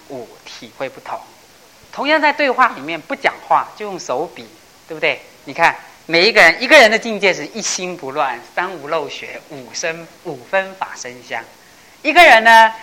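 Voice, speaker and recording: Woman teacher telling a Buddhist parable, bright and expressive, lowish voice that swings a lot. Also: rough recording. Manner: animated storytelling with laughs, acting out characters; slows down to stress key phrases. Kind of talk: dharma talk storytelling.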